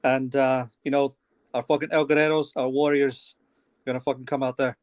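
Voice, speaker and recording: An excitable man on a fan podcast. He jokes around and swears as he talks. His voice is mid-pitched and sounds dry and close. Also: normal speed, no echo. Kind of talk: casual football podcast chat.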